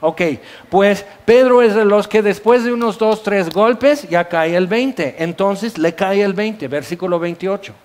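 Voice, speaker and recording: A man's voice: sits high, measured pace, few pauses, darkish tone. A middle-aged man with a Mexican accent preaching a sermon, telling stories with sound effects and asides.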